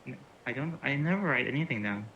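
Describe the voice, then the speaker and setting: Guy playing a tabletop game, stops and restarts a lot, swears, sharp bright voice, kinda dull recording. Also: mid-range voice, expressive, quick pace, slight background noise. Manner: hesitant, restarts often, swears. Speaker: player. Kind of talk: casual tabletop game chat. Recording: dull lo-fi mic.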